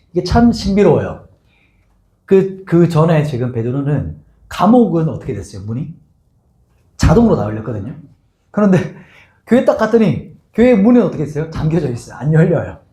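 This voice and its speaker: A man's voice: a little high, warm tone. A man preaching a sermon as pastor, asking his congregation question after question and leading them in reading scripture aloud. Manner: asks the congregation many rhetorical questions; acts out the scene with voices. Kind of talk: expository sermon. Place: church sanctuary. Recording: echoey church sanctuary.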